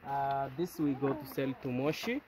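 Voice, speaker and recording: A man's voice: medium pitch, normal speed, a crowd in the background, poor audio. A man working as a local hiking guide, explaining crops outdoors in plain, simple phrasing. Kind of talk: explaining while walking. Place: outdoors in farmland forest.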